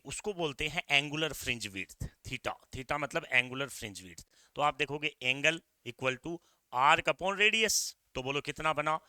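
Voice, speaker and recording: A middle-aged Indian man teaching exam physics in a very bright, crisp voice. He is energetic, hammers the key points again and again, and talks straight to his students. The sound is dry, with no room around it. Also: a little high, no room sound. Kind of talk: exam-prep physics lecture.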